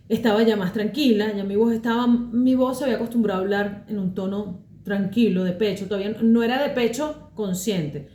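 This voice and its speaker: A Venezuelan woman with a deep chest voice, calmly telling a personal story as a voice teacher, unhurried and pausing often. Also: roomy sound. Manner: calm, unhurried, with many pauses and fillers.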